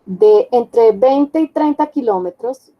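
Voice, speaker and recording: A woman's voice: fairly high pitch, animated, takes it slowly, dull audio. A woman teaching an online class, explaining step by step and often checking with her students. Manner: explanatory, checks understanding with questions.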